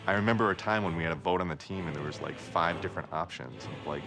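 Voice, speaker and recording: A man's voice: low-pitched, quick pace. A man talking informally as a game developer in a documentary interview. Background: music.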